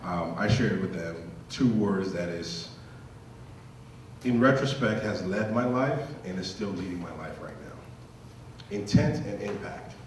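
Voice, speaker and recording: A Liberian man in his thirties tells his own story as a symposium panelist, casual and self-deprecating, in a low-pitched, expressive voice at a slow pace. The lecture hall sounds echoey, the mic is distant, and there's a slight hiss or hum.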